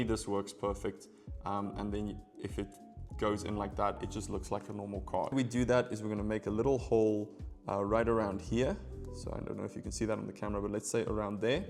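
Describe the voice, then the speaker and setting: A man's voice: lowish voice, creaky. A man giving a magic tutorial in casual, playful card magician patter, chatting directly to viewers.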